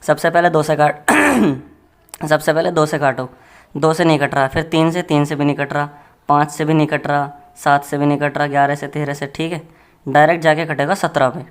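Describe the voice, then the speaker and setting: A man's voice: a little high, steady tone, normal speed, clean tone. A man teaching a maths lesson in a casual, joking way, chatting to his students as friends while working through problems. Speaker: maths tutor.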